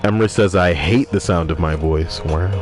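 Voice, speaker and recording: Speaking at a normal speed in a low voice, a young man chats casually on his gaming livestream. He reads out viewers' messages and jokes around with crude, profane banter, with music audible in the background.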